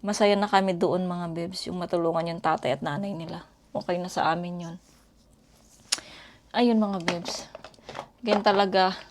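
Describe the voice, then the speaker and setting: A woman's voice: on the low side, steady tone, normal speed, long pauses, a little mellow, a little hiss or hum. A middle-aged woman from the Philippines, chatting casually and rambling to her viewers as she tells stories at home. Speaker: vlogger. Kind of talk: casual storytelling chat to viewers. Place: home in Korea.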